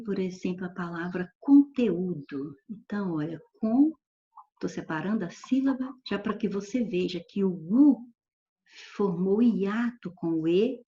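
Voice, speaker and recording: A woman's voice: mid-range voice, warm tone, dull audio. Patient woman teaching grammar. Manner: patient, explanatory, often checks with "ok?". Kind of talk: recorded online lesson.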